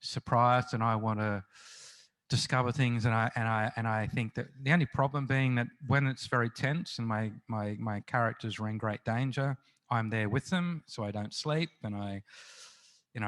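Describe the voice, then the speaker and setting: A bit bright but on the low side, this man's voice belongs to a middle-aged crime novelist from Australia. He's being interviewed at a festival, spinning anecdotes in a talkative, self-deprecating style riddled with restarts and fillers.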